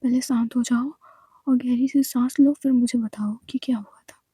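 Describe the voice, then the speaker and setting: A firm, probing female doctor from a storybook who presses for straight answers with calm authority, put on by a woman reading. The voice is high but dark and mellow in tone. It is recorded close and dry. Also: normal speed, husky, dry recording.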